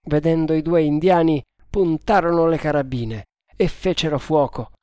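A man giving a dramatic, measured reading of an adventure novel as narrator. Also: a little high, darkish tone, smooth, no echo, studio quality. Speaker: audiobook narrator. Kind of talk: scripted narration.

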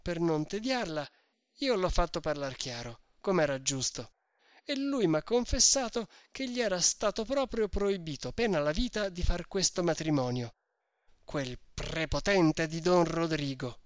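A man's voice: on the high side, animated, unhurried, dry recording. A man voicing an earnest, indignant young peasant man who pleads in a raised, eager voice in a storybook reading. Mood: pleading.

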